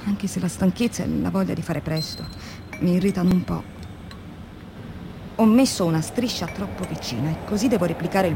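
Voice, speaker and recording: A fairly low, natural-sounding voice carries this radio drama monologue, with noise in the background. The actress plays a worn-out, anguished factory worker pouring her heart into her diary, swinging from whispers to vehemence.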